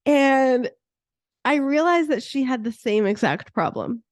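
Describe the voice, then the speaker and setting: A woman in her thirties hosts her own podcast, chatting casually, laughing at herself often and scattering "like" through her speech. Her high voice is expressive and unhurried. The studio recording is clean, with no echo.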